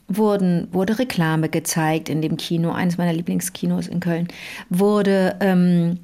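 A woman's voice: fairly low pitch, dark tone. A woman co-hosting a casual phone chat, telling a long story with many fillers and restarts. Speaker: podcast co-host.

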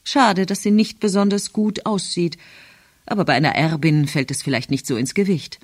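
A woman voicing a smug, gossiping young man in an audiobook, brisk and confiding. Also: lowish voice, no room sound, studio quality, lightly acted.

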